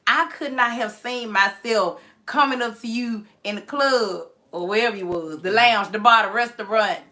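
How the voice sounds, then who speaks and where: Woman, host, bright voice, laughing and teasing. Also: fairly high pitch, moderate pace. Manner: laughing, teasing, animated storytelling. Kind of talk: casual chat.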